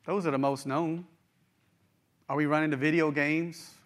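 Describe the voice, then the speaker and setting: Speaking at normal speed in a fairly high voice with little pitch movement, a middle-aged West Virginia man preaches a sermon. He talks straight to his listeners in a conversational, folksy manner, his local accent clear.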